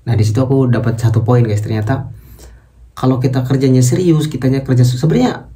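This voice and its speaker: A man's voice: medium pitch, quick pace, warm tone. A young man from Indonesia, chatting to his viewers as he tells a personal story. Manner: chatty, keeps addressing viewers as guys. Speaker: vlogger.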